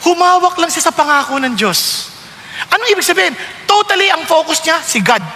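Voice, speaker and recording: High, bright-voiced Filipino pastor preaching. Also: male voice, animated, brisk, long reverb tail, a little hiss or hum. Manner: switches between Tagalog and English, asks the room questions. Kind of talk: sermon.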